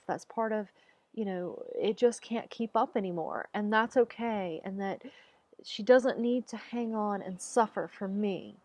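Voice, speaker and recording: A woman talking slowly and haltingly about the loss of her pet, teary at times. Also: mid-range voice, no echo, dull audio. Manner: slow, halting, searching for words. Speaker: animal communicator. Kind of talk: personal talk to camera.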